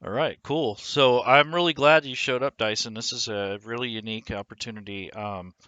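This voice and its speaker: Bright-voiced male interview host. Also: medium pitch, normal speed, no echo, lo-fi sound. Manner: friendly, hesitant with many ums. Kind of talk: interview hosting.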